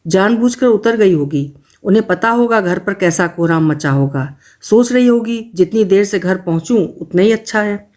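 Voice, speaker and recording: A quick, eager teenage daughter with a sharp tongue, voiced by a woman storyteller in a storybook reading. She rattles off the neighbourhood news in an excited, breathless way. Her pitch sits at an ordinary middle height. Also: natural voice.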